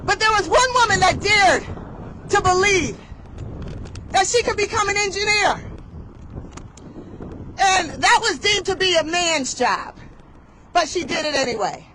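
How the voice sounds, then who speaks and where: A woman leads call-and-response at an outdoor motivational rally, her delivery rhythmic, emphatic and rhyming. She has a very high, sharp, expressive voice, speaks unhurriedly and pauses often. The recording is rough, with a little hiss or hum.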